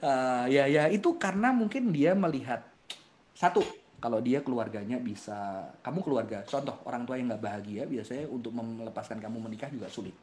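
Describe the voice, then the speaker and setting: A man in his thirties or forties speaks at a seminar, answering questions from young people about dating. His voice sits at a middle pitch, and his delivery is animated, with frequent laughter and quoted lines acted out in other voices. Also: fairly quick, slight background noise.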